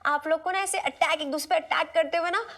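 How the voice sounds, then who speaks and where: A woman playing an excited, bossy young character in a comedy serial, directing the others. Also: extremely high pitch, brisk. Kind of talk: comic sitcom acting.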